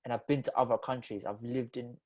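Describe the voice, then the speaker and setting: Podcast host in his twenties, relaxed slangy banter, average-pitched man, gets earnest. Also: fairly quick. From Philippines. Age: 20s. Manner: loose slangy banter, earnest when serious. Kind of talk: casual chat.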